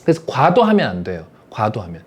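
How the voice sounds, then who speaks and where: A man's voice: fairly low pitch, huge pitch swings, brisk, darkish tone, husky. A man giving an online adult-education lecture on family psychology, often asking rhetorical questions. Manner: asks the audience rhetorical questions; acts out parents' scolding in quoted voices.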